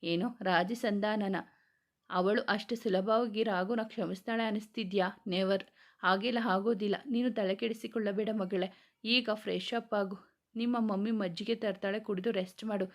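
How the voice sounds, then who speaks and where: A woman's voice: medium pitch, steady tone, normal speed, close to an everyday voice. A woman voicing a middle-aged father who spoils and soothes his daughter, in a read-aloud story. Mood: soothing. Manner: soothing, indulgent toward daughter. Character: doting indulgent father, middle-aged man.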